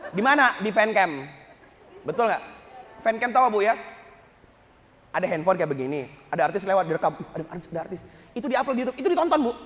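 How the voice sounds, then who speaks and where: A male Islamic preacher giving a humorous lecture, joking and telling stories with animated energy. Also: high-pitched, quick pace, pauses often, big-room sound, slight background noise.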